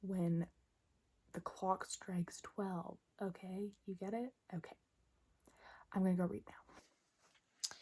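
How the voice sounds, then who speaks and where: A woman's voice: medium pitch, flat delivery, takes it slowly, pauses often, husky. Whispering young woman in bed at night. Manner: hushed whispering, chatty with many fillers. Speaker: book vlogger. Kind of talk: late-night casual vlog.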